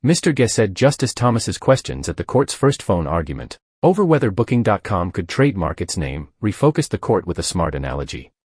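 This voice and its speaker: Reading a news script, a man with a husky, low and somewhat mellow voice moves his pitch in big swings, his intonation constantly rising and falling. His delivery is fairly quick, with barely a pause. The sound is close and dry, with no room sound.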